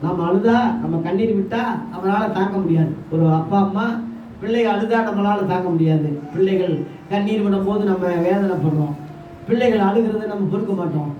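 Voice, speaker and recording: A man's voice: high-pitched, moderate pace, a little hiss or hum. A man preaching a sermon to a church congregation, leading call-and-response and acting out Jesus' questions. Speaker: pastor. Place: church hall. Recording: far-off echoey hall, dull sound.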